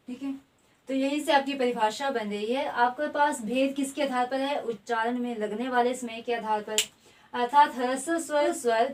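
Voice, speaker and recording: A woman teaching Hindi grammar in an exam coaching lesson, repeating a check-in phrase and spelling out vowels one by one. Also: a little high. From India. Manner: repeats "ठीक है" constantly, spells out vowels slowly. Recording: voice at a distance from the mic.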